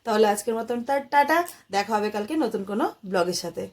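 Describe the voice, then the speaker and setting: A woman's voice: mid-range voice, expressive, fast talker, a little mellow, a little hiss or hum. A young Indian woman vlogging casually at home, chatting to her viewers as friends and coaxing her toddler in playful baby talk.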